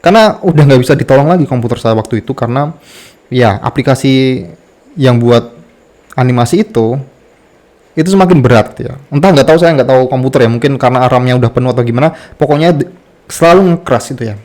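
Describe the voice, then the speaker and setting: A man's voice: medium pitch, fast, darkish tone. A man with a slight lisp on his r, candidly telling a self-deprecating personal story to camera as a content creator.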